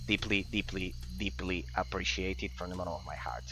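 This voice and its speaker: Man, streamer chat, rambling, effusively grateful, bright voice. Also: deep voice, moderate pace, slight background noise. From Argentina. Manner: rambling, effusively thankful, many restarts. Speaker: game streamer. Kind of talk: casual chat while streaming gameplay.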